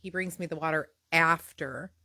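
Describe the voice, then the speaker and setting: A woman's voice: deep voice, moderate pace, vocal fry, bright, forceful tone, dry recording. A woman co-hosting a casual home podcast, chatting and teasing her husband in a rambling way. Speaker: podcast co-host. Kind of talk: casual couple banter. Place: at home on a Sunday.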